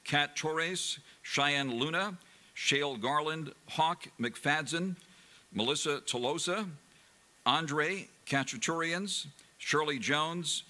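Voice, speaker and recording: A man emceeing an event, reading formal introductions in a measured, scripted way. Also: a little high, sharp tone. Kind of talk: scripted announcing.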